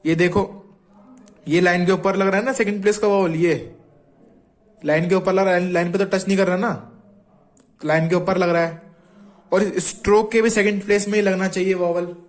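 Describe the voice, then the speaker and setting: A man's voice: high voice, fairly even intonation, moderate pace, long pauses. A man teaching shorthand in a patient tutorial, repeating each sound aloud as he writes and often checking in with his viewers. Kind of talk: Hindi tutorial explaining strokes.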